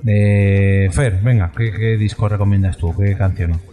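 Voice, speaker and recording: A man from hosting a casual podcast panel, briskly moving the talk along. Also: fairly low pitch, steady tone, dark tone. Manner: brisk, keeps the show moving. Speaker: podcast host moderating. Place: podcast studio.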